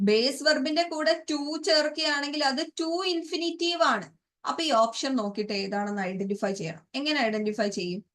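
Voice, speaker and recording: A woman with a Malayali accent teaching English grammar and vocabulary for an exam, often asking her students questions and slowly repeating and spelling out words. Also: high voice, a bit bright.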